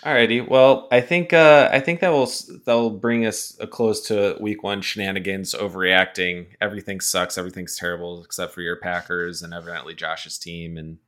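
A man's voice: deep voice, steady tone, brisk, few pauses, a bit bright. A man hosting a casual fantasy football podcast in an informal, chatty style. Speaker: podcast host.

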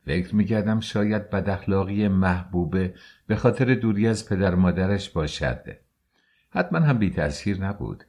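A man narrating an audiobook novel in a measured, unhurried storytelling manner. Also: sits low, darkish tone. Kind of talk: scripted narration.

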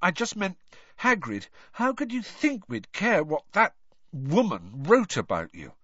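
A man's voice: sits high, huge pitch swings, unhurried, fairly bright tone, slightly rough, dry recording, lo-fi sound, pitched above the performer's own voice, exaggerated voice. A man voicing an earnest, hot-headed schoolboy wizard who blurts things out. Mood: sheepish.

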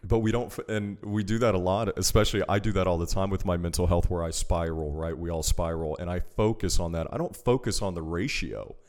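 A man hosting a podcast, chatting casually and getting animated when he stresses a point. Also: deep voice, brisk, few pauses. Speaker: podcast host. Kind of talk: casual chat.

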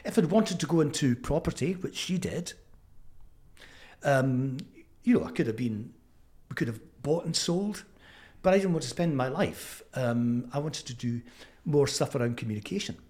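A man's voice: mid-range voice, animated, darkish tone. Older Scottish man with a Fife accent. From Fife, Scotland. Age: 70s. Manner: halting, thoughtful, with frequent pauses. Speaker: interview guest. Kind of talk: reflective conversational storytelling.

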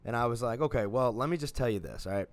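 A man co-hosting a casual podcast chat, swearing freely and telling lively stories. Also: medium pitch, quick pace, no room sound. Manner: profane, animated storyteller. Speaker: podcast co-host.

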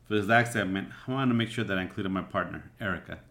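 Laid-back podcast host, low voice. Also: male voice, fast talker, a bit bright. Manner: reflective, loose, with many "you know" fillers. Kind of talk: casual podcast chat.

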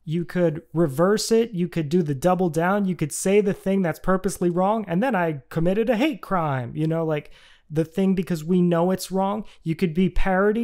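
A man's voice: sits high, darkish tone. A man co-hosting a podcast in casual chat, explaining in a blunt, rambling, profane way. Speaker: podcast co-host.

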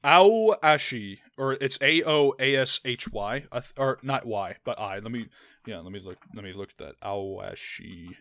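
A man's voice: medium pitch, lively intonation, unhurried, pushed and bright, no echo, clean studio sound. A young man co-hosting a podcast, talking casually and rambling with lots of restarts and "like" fillers. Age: young adult. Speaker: podcast co-host. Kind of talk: casual anime chat.

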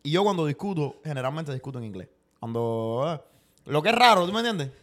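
A man talking fast and emphatically in a relaxed podcast conversation. His voice sits a little high, and he often repeats quick agreements back to the other speaker. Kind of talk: casual chat.

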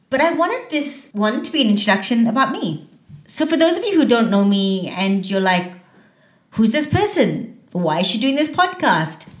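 A young adult woman hosting a podcast, born in northern England and raised in India, talking earnestly and from the heart. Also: medium pitch. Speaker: podcast host. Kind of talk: solo podcast introduction. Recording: roomy echo.

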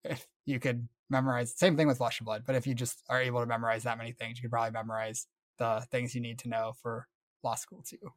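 A man co-hosting a podcast, explaining in a relaxed, casual way with filler words. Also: mid-range voice, fast talker. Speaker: podcast co-host. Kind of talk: casual chat.

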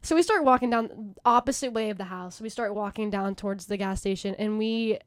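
A young woman co-hosting a podcast, telling a story in casual chat, animated and full of "basically" and "like". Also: mid-range voice, a little fast, no echo, studio quality. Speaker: podcast co-host.

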